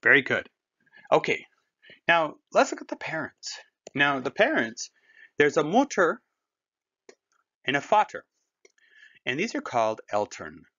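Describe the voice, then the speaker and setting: A man walks learners through a German lesson in a patient, conversational way. His pitch rises and falls animatedly, and the recording sounds dull and lo-fi. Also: big pitch swings, a little slow, pauses often, pushed and bright. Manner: patient, conversational, explains with everyday comparisons. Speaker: German teacher. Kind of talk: classroom language lesson.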